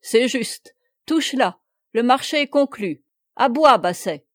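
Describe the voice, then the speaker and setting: A woman reading aloud, voicing a brash, imperious captain who gives loud orders. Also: fairly high pitch, animated, slow, no room sound, clean studio sound, voice pushed up. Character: commanding man, a brash captain.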